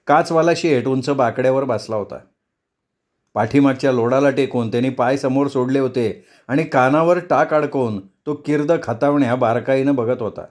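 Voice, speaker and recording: A male storyteller reads a novel aloud at a measured pace. His mid-pitched voice is expressive and steady. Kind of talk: audiobook narration of a novel.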